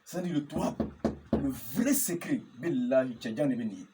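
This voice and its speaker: A man's voice: mid-range voice, animated, moderate pace, very noisy. A man, teaching geomancy as a marabout, chanting formulas over and over and often asking if listeners follow. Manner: often checks understanding with questions. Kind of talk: instructional talk.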